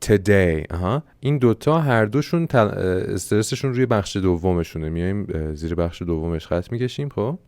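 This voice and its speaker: A Persian-speaking man teaching an online English lesson, explaining answers step by step and slowing down to pronounce English examples. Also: lowish voice, expressive, a little mellow, no room sound.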